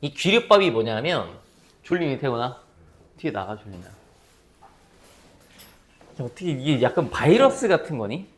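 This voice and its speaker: With a medium pitch, a moderate pace and long pauses, a man teaches math in a classroom lecture. He explains through playful storytelling, acting out what his students might say, in a lively manner.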